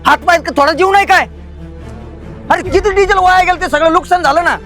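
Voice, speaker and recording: A man playing a harsh grown son who scolds and shouts at his old father in a family drama. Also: extremely high pitch, brisk, music in the background. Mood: angry scolding. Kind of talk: village family drama acting.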